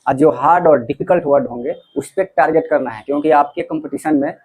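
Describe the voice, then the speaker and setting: Man teaching vocabulary, higher voice. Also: fast talker, husky, phone-quality sound. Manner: explains in Hindi mixed with English, spells words letter by letter; repeats words and checks in with "theek hai". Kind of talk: exam-prep lesson.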